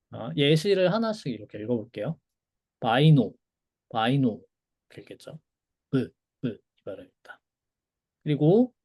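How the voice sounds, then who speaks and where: A man's voice: a little high, mellow. A man lecturing on a language, patiently repeating each pronunciation for students to copy. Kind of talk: recorded lecture.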